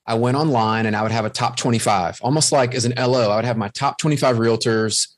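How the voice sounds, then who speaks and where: A man's voice: medium pitch, steady tone, fast. Confident man sharing business advice. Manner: confident, coaching tone, acts out quotes. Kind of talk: casual interview chat.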